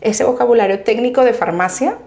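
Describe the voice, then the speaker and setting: A woman's voice: fairly high pitch, fairly quick. Venezuelan woman telling stories. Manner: animated storyteller, laughs while recounting anecdotes. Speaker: guest. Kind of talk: conversational interview storytelling.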